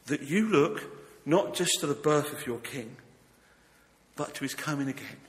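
A man preaching a sermon to a congregation in an earnest, rhetorical way with deliberate phrasing. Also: on the high side, animated. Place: church, speaking to a congregation. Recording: long echo of a large hall.

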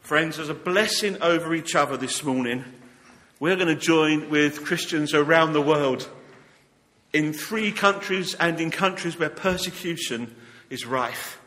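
Male preacher, sermon delivery, slightly high bright voice, earnest rhetorical phrasing, long hall reverb. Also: measured pace. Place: church, speaking to a congregation. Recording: long echo of a large hall.

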